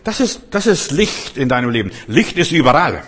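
A male preacher delivering an emphatic sermon, swinging between loud declarations and hushed lines, speaking straight to his listeners. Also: a little high, sing-song, moderate pace, breathy edge. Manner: addresses listeners directly and intimately. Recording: long hall reverb.

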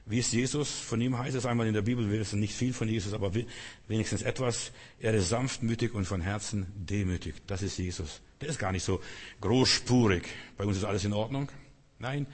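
A man's voice: on the low side, a little fast, slightly rough. A man preaching a sermon in an earnest, direct way, asking the listeners rhetorical questions. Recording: long reverb of a large hall.

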